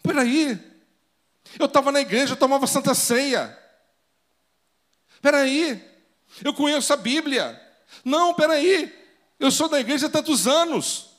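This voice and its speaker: A man's voice: very high-pitched, lively intonation, measured pace, pauses often, fairly bright tone, pitched above the performer's own voice, exaggerated voice. A man preaching acts out a bewildered churchgoer in torment, who pleads and protests that he belonged to the church. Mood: panicked.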